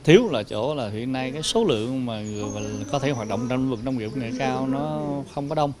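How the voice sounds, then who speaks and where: A middle-aged man, answering interview questions plainly with halting fillers, outdoors on a handheld mic. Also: medium pitch, expressive, a crowd in the background. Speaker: agricultural zone official. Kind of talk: news interview. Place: outdoors in a park. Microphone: handheld reporter mic. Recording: outdoor insects and birds behind.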